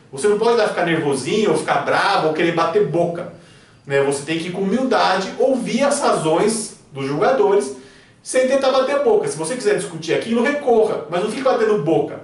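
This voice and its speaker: A man's voice: high-pitched, expressive, fairly quick, far from the mic. Brazilian male lawyer, didactic tutor tone, recorded off-mic in a very reverberant room. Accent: Brazilian Portuguese. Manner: didactic, keeps checking in with short tags. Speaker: criminal defense lawyer. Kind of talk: spoken tutorial.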